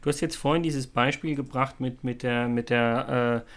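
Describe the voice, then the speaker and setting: A man's voice: mid-range voice, steady tone, moderate pace, fairly bright tone. A man in a casual chat, reflecting on a customer problem and asking for advice, often restarting his sentences.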